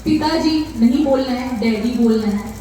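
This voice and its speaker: Woman katha preacher, North Indian Hindi accent, high voice, echoey PA sound from far off. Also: normal speed, warm tone, a little hiss or hum. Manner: impassioned, rhetorical questions. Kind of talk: devotional sermon.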